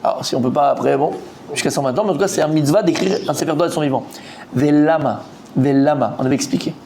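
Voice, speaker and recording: Un homme rabbin qui donne un cours de Talmud animé, interroge ses élèves et répète ses mots en s'emportant. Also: male voice, quick pace, a little hiss or hum. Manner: animated, quizzes the students, repeats words, rising pitch when excited. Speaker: rabbi teaching a Talmud class. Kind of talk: lively Torah class.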